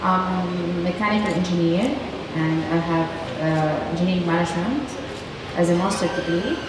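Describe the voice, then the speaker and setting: A woman's voice: lowish voice, moderate pace. A woman from Lebanon, an engineer and entrepreneur, speaking briefly and plainly on a panel. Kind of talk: panel answers. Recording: echoey hall, mic far, noisy.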